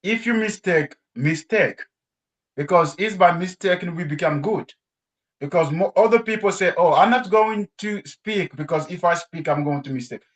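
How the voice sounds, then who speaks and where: With a high voice and a moderate pace, this Congolese man visits a class as a guest and casually discusses learning languages. English is not his native tongue. His manner is animated and expressive, and he laughs often.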